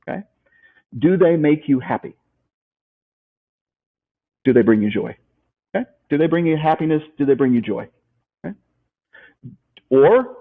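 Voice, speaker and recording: Husky-voiced man coaching over a tinny line. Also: mid-range voice. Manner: emphatic, repeats key points, asks rhetorical questions. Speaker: life coach guest. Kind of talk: motivational interview talk.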